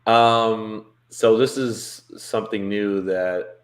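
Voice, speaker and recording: A man's voice: lowish voice, steady tone, takes it slowly. A man co-hosting a casual livestream, rambling with many fillers and restarts. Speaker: co-host of a cruise livestream. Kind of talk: casual live-stream chat.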